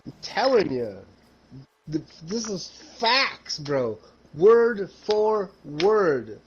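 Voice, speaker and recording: High-pitched man in his fifties, blunt and sweary. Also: sing-song, drawn-out words, slight background noise. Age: 50s. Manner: blunt, emphatic, swears often, slangy. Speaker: storyteller. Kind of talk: casual, profane storytelling and ranting to a friend. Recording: dull lo-fi sound.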